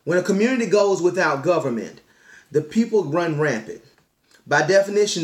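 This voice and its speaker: Earnest man in an echoey room. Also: fairly high pitch. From Alabama. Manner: earnest, preacher-like emphasis, repeats key phrases. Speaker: dog trainer hosting a podcast. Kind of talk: podcast monologue, partly read from notes.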